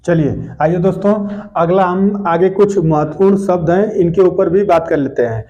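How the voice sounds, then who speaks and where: Man, teacher, mellow voice, repeats words slowly, dull lo-fi sound. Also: high voice. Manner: explains step by step, repeats each correct word slowly. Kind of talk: spelling lesson lecture. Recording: dull lo-fi recording.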